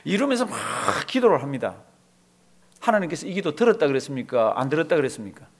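A male pastor delivering a sermon with a fairly high, lively voice that swoops up and down. He asks his listeners questions and acts out prayers as he preaches. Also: fast. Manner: animated preaching with acted-out prayers and questions to the congregation.

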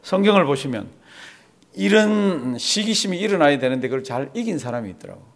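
Lively, animated Korean-speaking male pastor preaching. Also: a little high, brisk. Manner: lively preaching with rhetorical questions to the congregation. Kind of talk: sermon.

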